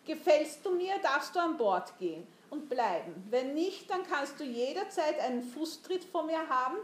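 Woman doing a bossy sneering old-ish merchant, lively voice with roomy echo. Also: high voice, moderate pace, slight background noise, pitched above the performer's own voice. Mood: commanding. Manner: commanding, mocking. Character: domineering, mocking older male merchant.

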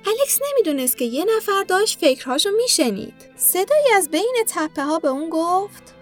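A woman narrating a children's story in a gentle storytelling manner. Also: very high-pitched, very animated, soft background music.

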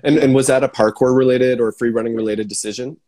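A man's voice: mid-range voice, fairly even intonation, fast, warm tone. A man hosting an interview show, talking in a laid-back, slangy way. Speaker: podcast host. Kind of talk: casual interview.

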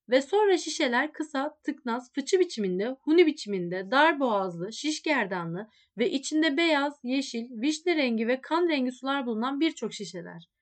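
A woman with a high voice narrates a literary story. Her reading is measured and expressive, carrying the scenes along steadily.

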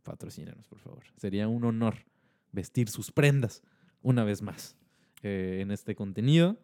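A man, co-hosting a podcast in relaxed, slangy, joking chat. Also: on the low side, a little slow. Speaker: podcast host. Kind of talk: casual chat.

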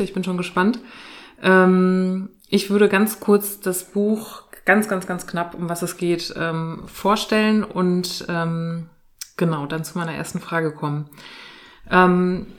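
Female podcast host, lower register, relaxed and friendly, home living-room setting. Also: a little slow. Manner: relaxed, friendly, with frequent fillers and backchannel murmurs. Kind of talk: casual conversational interview.

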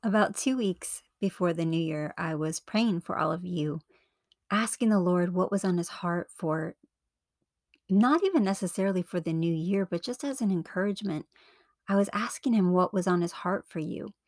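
A woman with a slightly low voice hosts a devotional podcast. She speaks right up close to the listener in an intimate, earnest and encouraging way, with a very dry sound free of room echo. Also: moderate pace, darkish tone. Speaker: podcast host. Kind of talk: devotional podcast talk and reading.

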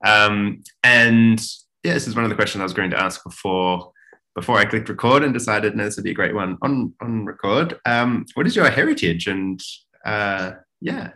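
Male podcast host, very low voice, bright forward tone, relaxed, lots of mm-hmms. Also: moderate pace. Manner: relaxed, encouraging, many mm-hmms and ums. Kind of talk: podcast interview.

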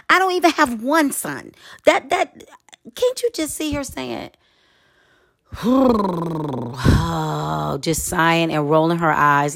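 A woman preaching a sermon in an expressive, conversational way, with dramatic asides. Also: mid-range voice.

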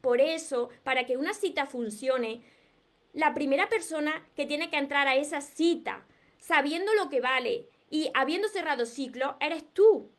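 A woman's voice: sits high, normal speed, fairly bright tone. A woman from Córdoba with an Andalusian Spanish accent, giving earnest, repetitive dating advice on a live stream. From Córdoba, southern Spain. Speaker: dating and self-esteem coach. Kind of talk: live-streamed motivational talk.

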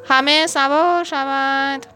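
A brisk, caring farm mother from a children's storybook, read by a woman. She gives quick motherly instructions in a lively, slightly high voice. Soft music stays in the background.

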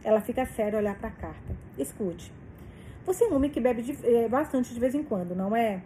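A woman's voice: on the high side, animated, brisk, mellow, slight background noise, rough recording. Woman reading a novel aloud. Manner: emotional, reacts aloud and swears between passages. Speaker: book reader.

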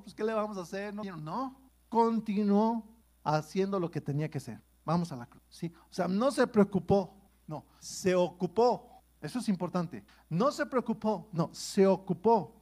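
High-voiced man preaching. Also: darkish tone. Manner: conversational preaching with frequent "¿sí?" checks to the congregation. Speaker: pastor. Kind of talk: sermon.

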